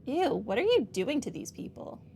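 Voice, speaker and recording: This woman has a high, sing-song voice that is creaky and dark in tone, delivered at a moderate pace over slight background noise. She hosts a video game playthrough, reading dialogue aloud and tossing in wry, sarcastic remarks during her casual commentary.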